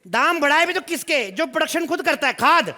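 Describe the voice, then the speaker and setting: A man playing a brash, bullying politician in a stage comedy sketch, mocking and shouting insults. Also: very high voice, lively intonation, brisk, background noise. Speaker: comic actor in a sketch. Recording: loud studio audience laughter.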